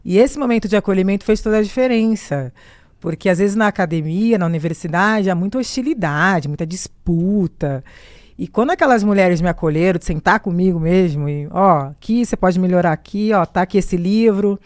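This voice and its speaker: Brazilian woman podcast guest, Brazilian Portuguese accent, animated storyteller, dry close sound. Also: lowish voice, a little fast, no room sound. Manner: animated, acts out her own past words in quotes. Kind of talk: personal storytelling in a podcast interview.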